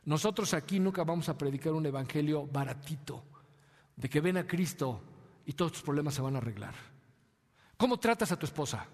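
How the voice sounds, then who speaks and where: Mexican male pastor, fairly high voice, sermon in a long-echo church hall, rhetorical questions, sudden quiet asides. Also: lively intonation, a little fast. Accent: Mexican Spanish. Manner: preaching with rhetorical questions and sudden drops to a soft, low voice.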